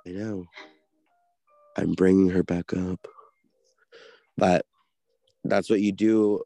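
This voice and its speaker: A man's voice: sits low, steady tone, slow pace, gravelly, mellow, no echo, faint music behind. A man co-hosting a casual podcast, ranting in a heated, profane way. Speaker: podcast co-host.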